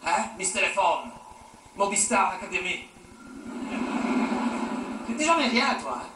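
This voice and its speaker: A man's voice: high voice, very animated, unhurried. A man playing an exasperated, nagging father who scolds his teenage daughter sarcastically in a stand-up sketch, repeating "hein" over and over. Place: theatre stage. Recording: roomy stage sound from far off, faint noise.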